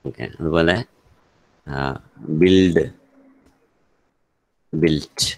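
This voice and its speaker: A man's voice: sits low, very slow, no room sound. A man with a Malayali accent teaching English grammar in an online class, switching between Malayalam and English and calling on students by name.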